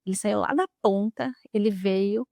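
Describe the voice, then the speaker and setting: A woman's voice: medium pitch, moderate pace, gravelly, dry recording, clean studio sound. A young woman telling a personal story to camera in a dramatic, emotional way. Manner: dramatic, emotional retelling with lively quoted speech. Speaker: vlogger.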